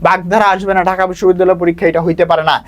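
A young man, coaching students through exam topics in a brisk tone and calling them brother. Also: high-pitched, little pitch movement. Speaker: admission test tutor. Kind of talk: exam prep lesson.

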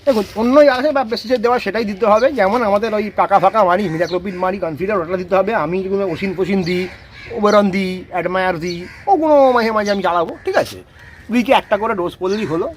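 A high, animated male voice, walking through garden care in quick, explanatory speech. He keeps checking that listeners follow along, over faint outdoor noise. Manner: explanatory, repeats "ঠিক আছে?" to check understanding. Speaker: rose gardening expert. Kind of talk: casual outdoor demonstration.

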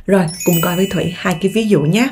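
A young Vietnamese woman teaching English vocabulary in Vietnamese. She drills each word slowly and explains quickly. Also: lowish voice, a little mellow, soft background music.

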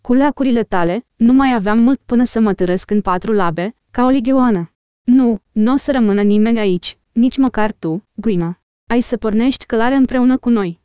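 A woman reading the lines of a stern old king in an audiobook, measured and commanding. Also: on the high side, mellow, clear, resonant tone, no echo, muffled recording, close to an everyday voice.

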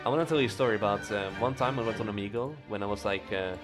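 A Dutch man in his twenties, from the Netherlands, chats casually on a live stream in rapid-fire bursts, his lowish voice heard over music. He rambles with lots of fillers and swearing, talking into a boom-arm studio mic in a small, dark indoor room.

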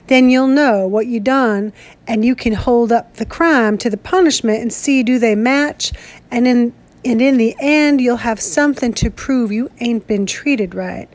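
Woman reading as a grim outlaw guy, low and flat, cold and brooding. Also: a little slow, close to an everyday voice. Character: cold, brooding male escaped convict.

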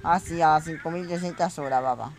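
A gaming YouTuber with a brisk, higher-pitched voice delivers comedic gameplay commentary over a noisy background. He chats directly to his viewers and breaks into panicked shrieks.

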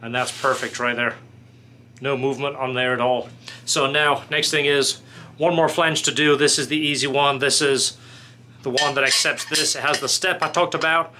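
Here a middle-aged man who works as a fabricator and welder gives a relaxed, practical product demo from a small workshop office. He speaks at normal speed with a medium pitch, fairly even intonation, and a sharp tone, with a bit of noise in the background.

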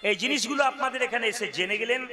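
A man's voice: very high-pitched, fast talker. A man performing devotional storytelling to a live audience, talking directly to them and posing rhetorical questions. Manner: direct, instructs the crowd, asks rhetorical questions. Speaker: kirtan singer and storyteller. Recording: live crowd behind.

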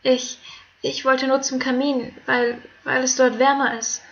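A woman voicing a weak, ill and frightened young queen who speaks quietly and hesitantly. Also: a little high, monotone, measured pace, muffled recording, lightly acted. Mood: frail.

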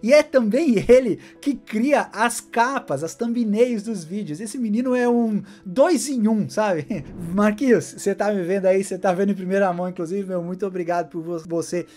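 A man, giving a heartfelt, animated year-end thank-you to camera from a home studio. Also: high-pitched, moderate pace, faint music behind. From Brazil. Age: 40s. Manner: warm, gesturing animatedly, emotional. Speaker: tech YouTuber. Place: home studio with gaming chair and collectibles.

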